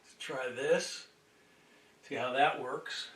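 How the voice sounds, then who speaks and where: A man hosting a casual livestream and greeting viewers, sounding distant from the boom microphone. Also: fairly even intonation, slow pace, fairly bright tone. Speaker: livestream host. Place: indoors at a table. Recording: roomy echo, distant microphone.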